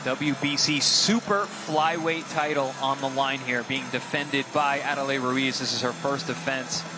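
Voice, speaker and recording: A man's voice: medium pitch, fairly even intonation, unhurried, over music. A man giving conversational, emphatic live boxing analysis, repeating phrases to drive points home.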